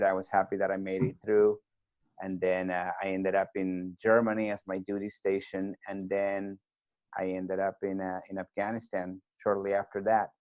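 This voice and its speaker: A friendly, talkative man in his forties, an army veteran from Peru, tells his story as a guest in an interview. He has a Peruvian Spanish accent, a lowish voice, and uses many fillers. The recording is dry, with the highs cut off.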